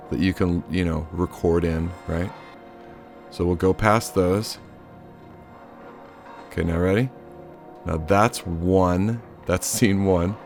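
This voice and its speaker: A man's voice: low voice, a little mellow. A man giving a loose, chatty hands-on synth tutorial, cracking offhand jokes and the odd swear word. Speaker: synth module demonstrator.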